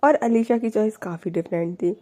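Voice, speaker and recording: A woman telling a love story in a casual, chatty way, adding her own lively asides. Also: medium pitch, normal speed.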